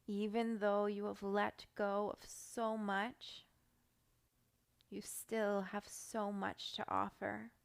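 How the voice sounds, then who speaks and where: A woman guiding a meditation in a soft, soothing voice, giving calm, gentle instructions with long pauses. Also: mid-range voice, gravelly, smooth. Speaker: meditation guide. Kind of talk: guided meditation.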